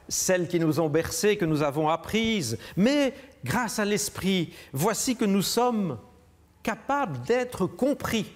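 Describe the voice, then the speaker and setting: A man preaching a measured, reflective sermon in a church. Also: high-pitched, darkish tone. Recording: long church reverb.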